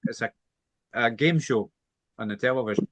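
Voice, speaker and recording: A man's voice: mid-range voice, moderate pace, dry recording. A man hosting a boxing chat, easygoing and jokey, on a video call. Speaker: host. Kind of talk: casual panel chat.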